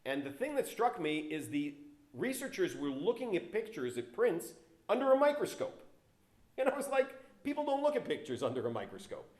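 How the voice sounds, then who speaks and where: Speaking at a moderate pace in a low voice, a guest speaker tells business stories to an audience in an event hall. He's animated, punching key words with jumps in pitch and volume. He uses a handheld or stand mic but sometimes steps away, and the sound carries a roomy hall echo.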